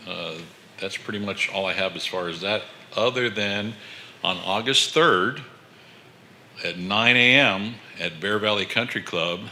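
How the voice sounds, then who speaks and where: A man giving his trustee report at a college board meeting, with many pauses and fillers. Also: low voice, pushed and bright, a little hiss or hum. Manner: loose, filler-heavy report.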